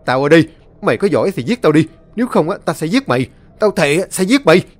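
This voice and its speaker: A man's voice: fairly high pitch, sing-song, quick pace, no echo, pitched above the performer's own voice. A male storyteller voicing a desperate young man who cries out in guilt and defiance. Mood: defiant. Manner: shouting, anguished.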